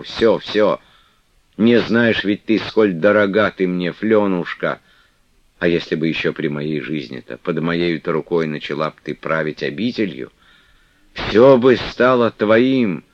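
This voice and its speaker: A man's voice: deep voice, no room sound, pitched above the performer's own voice. A man reading the part of a stern but loving elderly abbess in solemn, archaic speech. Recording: dull, dry lo-fi recording.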